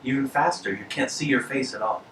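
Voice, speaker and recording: A woman's voice: very deep voice, a little fast. A woman chats casually and teasingly as an off-camera friend. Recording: roomy, distant, faint background noise.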